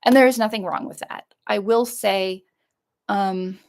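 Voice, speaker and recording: Middle aged lady doing an unboxing chat, lots of vocal fry, mid pitch, rambles and circles back. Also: fairly even intonation, unhurried, a little mellow. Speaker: vlogger showing a shopping haul.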